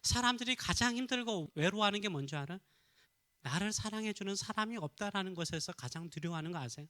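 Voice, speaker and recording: A man's voice: high voice, pushed and bright. A middle-aged man from Korea preaching as a pastor, asking the congregation questions and answering them himself. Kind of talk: sermon.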